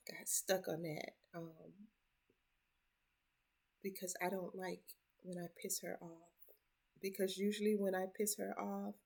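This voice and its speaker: A woman's voice: mid-range voice, vocal fry, slightly rough. A middle-aged grandmother speaking in a casual, heartfelt monologue, earnest and reflective, repeating points for emphasis.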